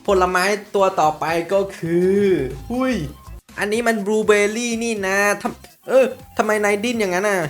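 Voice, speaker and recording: A man giving animated, jokey commentary while playing a VR game, often addressing his viewers. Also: sits high, normal speed, faint music behind. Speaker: gaming YouTuber. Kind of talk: playful VR gameplay commentary.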